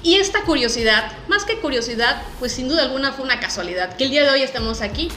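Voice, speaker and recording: A woman's voice: high voice, lively intonation, quick pace, sharp tone, reverberant, a little hiss or hum. A woman with a Mexican accent, presenting and interviewing as a chatty, emphatic podcast host.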